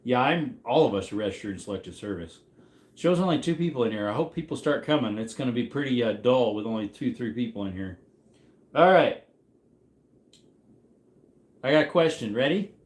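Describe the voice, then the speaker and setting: Man, mid-30s, casual stream host, mid-pitched, rambling chatter, echoey room. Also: expressive, fairly quick, long pauses. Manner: rambling, reacts to chat as he goes. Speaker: livestream host running trivia. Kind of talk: casual livestream chat.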